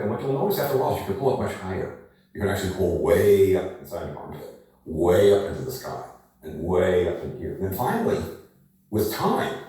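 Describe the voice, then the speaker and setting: Lively man coaching exercises in an echoey room. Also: on the low side, distant mic. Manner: lively, coaxing, rhetorical questions. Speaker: energy exercise instructor. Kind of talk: demonstrating physical exercises to camera.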